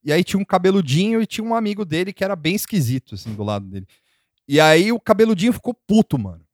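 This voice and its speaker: A man's voice: sits high, very animated, fast talker, no echo, studio quality. A man telling a story in a casual chat, rambling with many fillers and frequent laughs.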